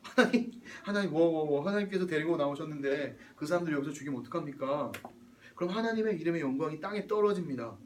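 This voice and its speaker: A man's voice: on the high side, lively intonation, quick pace, far from the mic, a little hiss or hum, close to an everyday voice. A man preaching voices a male prophet urgently coaxing and pleading with an angry God.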